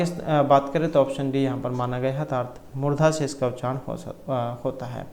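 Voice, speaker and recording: A man's voice: a little high, a little mellow. A man teaching an exam-prep lesson, explaining multiple-choice answers and reciting terms and grammar rules one by one. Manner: self-corrects mid-sentence. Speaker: Sanskrit exam tutor.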